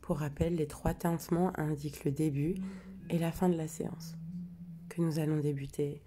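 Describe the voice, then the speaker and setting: A woman leading a live guided meditation, speaking softly and slowly and drifting into whispers at times. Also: sits low, flat delivery, noisy background. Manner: soft, slow, partly whispered delivery.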